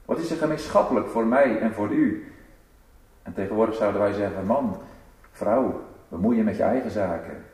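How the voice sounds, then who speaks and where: A man preaching a sermon, emphatic and full of rhetorical questions, swinging between loud and soft. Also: on the low side, normal speed. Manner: emphatic, rhetorical questions, varies loudness strongly. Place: church. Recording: echoey church hall, voice from a distance.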